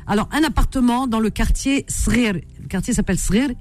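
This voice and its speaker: A woman hosting a call-in classifieds radio show, chatty and warm, reading out listings and phone numbers. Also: on the high side, moderate pace, faint music behind. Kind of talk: live call-in radio chat.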